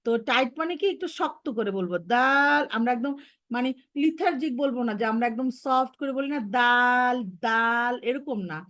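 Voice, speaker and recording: A woman's voice: high voice, expressive, moderate pace, dry recording. A woman with a Bangladeshi Bengali accent teaching Arabic letter sounds to children in an online lesson, patiently modeling each sound.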